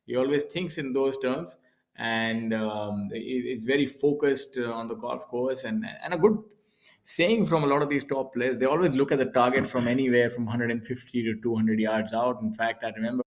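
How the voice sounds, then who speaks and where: A man gives live golf commentary with an average-pitched voice. He talks conversationally, explaining as he goes and wandering through his thoughts at some length. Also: moderate pace. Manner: explanatory, discursive, addressing newcomers and co-commentator.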